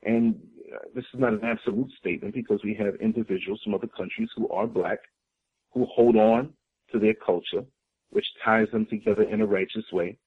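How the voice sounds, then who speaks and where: A man's voice: fairly low pitch, fairly even intonation, a little fast, breathy edge. A man from the United States, a guest on a talk show, speaking in an impassioned, preacherly way and repeating phrases for emphasis. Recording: tinny phone-line sound.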